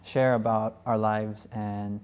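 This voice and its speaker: A man's voice: on the low side, little pitch movement, slow, very noisy. A young man from San Francisco with an American accent, a musician guest chatting casually on a talk show, easygoing and laughing often. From San Francisco, USA. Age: young adult.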